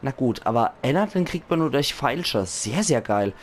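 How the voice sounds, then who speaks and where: A hoarse man with a Palatinate German accent gives casual, chatty gaming commentary, full of enthusiasm. His voice sits at an ordinary middle pitch, with faint noise underneath. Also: lively intonation, normal speed. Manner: chatty, enthusiastic, laughs often. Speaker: let's play host.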